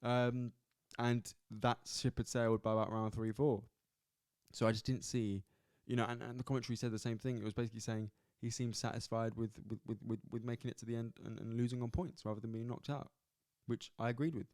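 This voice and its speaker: A man hosting a solo sports podcast, reviewing fights in a loose, animated way, swearing and repeating himself as he goes. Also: mid-range voice, a little fast, no echo, studio quality. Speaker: podcast host. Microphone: camera at close angle.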